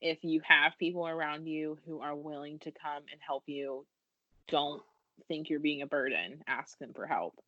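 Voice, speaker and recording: American woman guest on a podcast, deep for a woman, earnest and a bit self-deprecating, dull dry audio. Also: normal speed, sharp tone, dry recording. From United States. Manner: earnest, self-deprecating, laughs while talking. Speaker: guest, business founder. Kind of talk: podcast interview, casual talk.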